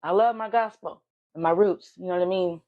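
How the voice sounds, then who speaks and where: A woman guest telling her life story in a casual, animated way, her voice jumping high when excited. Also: a little fast, phone-quality sound.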